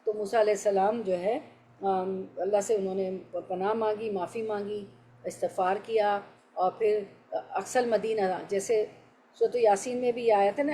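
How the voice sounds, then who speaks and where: A middle-aged woman leads a scripture class, her voice mellow and warm at an ordinary middle pitch. She explains patiently, line by line, and stops to put questions to her students. A faint hiss sits under her speech. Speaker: Quran teacher. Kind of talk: religious lesson explaining verses.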